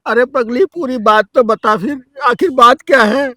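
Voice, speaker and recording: A man's voice: very high-pitched, normal speed, bright, forceful tone, no echo. An actor playing a middle-aged, forgiving husband who soothes his wife in a village short drama. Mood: soothing. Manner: soothing, coaxing. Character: forgiving gentle husband, older father. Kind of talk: village short-film acting.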